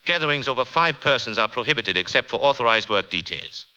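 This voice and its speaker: A man's voice: mid-range voice, animated, fast, pushed and bright, muffled recording. A man voicing a cold, clipped occupation-authority announcer reading official orders over the radio. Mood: cold, commanding.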